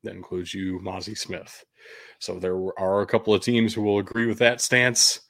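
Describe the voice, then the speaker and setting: A man's voice: on the low side, level tone, moderate pace, vocal fry, fairly bright tone, no room sound. A man hosting a sports show, giving casual, opinionated and blunt commentary with the occasional swear word.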